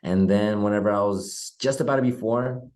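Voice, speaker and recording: A man's voice: lowish voice, fairly quick, a little mellow. Easygoing young man on a video call. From Oklahoma, USA. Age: young adult. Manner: friendly, filler-heavy, easygoing. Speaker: guest, politician. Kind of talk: casual video-call interview. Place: bedroom at home.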